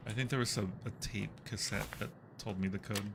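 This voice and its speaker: Playing a horror game live, a man keeps up casual, joking commentary, crying out whenever he gets startled. His voice sits on the low side, with fairly even intonation and a slightly fast pace. The stream has clear background noise.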